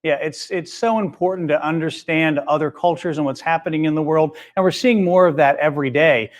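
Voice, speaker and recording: A man's voice: fairly high pitch, a little fast. A man hosting a business interview show, introducing his guest and asking questions in a friendly, conversational way. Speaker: host.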